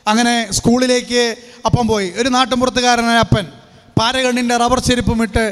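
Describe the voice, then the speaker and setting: A man with a very high voice preaching a fervent sermon and telling a story in between. He shouts praise and acts out the voices in his story. The sound has a long reverb from a large hall. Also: little pitch movement, a little fast, clear, resonant tone. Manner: impassioned, shouts hallelujah, acts out dialogue in the story. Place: large retreat centre hall.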